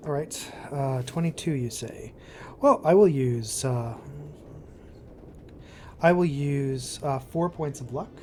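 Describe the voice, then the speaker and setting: A man playing a tabletop game, announcing his rolls and moves slowly and deliberately with fillers. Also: medium pitch, animated, a little mellow, a little hiss or hum. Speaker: player. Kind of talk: casual chat.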